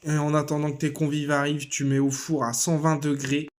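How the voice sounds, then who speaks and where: A man's voice: fairly high pitch, flat delivery, fairly quick. A man talking viewers through a recipe in a casual, punning way, speaking straight to them. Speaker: home cook. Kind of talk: jokey recipe voice-over. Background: soft background music.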